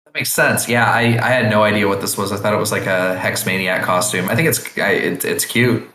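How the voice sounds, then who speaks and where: A man's voice: on the low side, steady tone, fairly quick, sharp tone, reverberant. A man hosting a podcast, chatting casually and rambling with many restarts. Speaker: podcast host. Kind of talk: casual chat.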